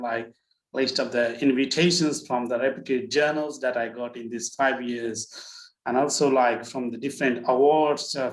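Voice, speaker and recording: A Nepali-accented man in his thirties, a workshop participant, shares a personal story over a video call from a roomy, echoey space. His pitch is middling, and he hesitates, stopping and restarting often while threading "like, you know" through his sentences as he works out what to say.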